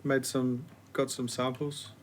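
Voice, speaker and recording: A man joining a casual podcast chat, giving slow, offhand, mumbled replies. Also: medium pitch, level tone, background noise.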